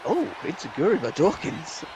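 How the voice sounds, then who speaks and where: A man's voice: high voice, huge pitch swings, normal speed, a little mellow. A man doing casual, joking commentary on a wrestling video game, swearing and laughing often. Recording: noisy background hiss.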